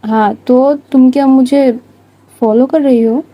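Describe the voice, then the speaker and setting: A woman's voice: high-pitched, fairly even intonation, a little slow, highs cut off. A woman voicing a headstrong, carefree young woman who answers back with cheek and defiance in a story. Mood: defiant.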